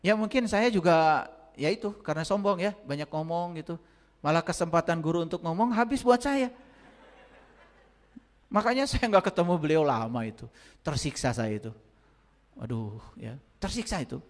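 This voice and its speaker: A male spiritual teacher giving a sermon, telling stories and moving from quiet asides to loud, emphatic points. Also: fairly high pitch, expressive, moderate pace, long pauses. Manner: storytelling, swings from quiet asides to emphatic raised lines. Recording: long reverb, speaker set back from the mic.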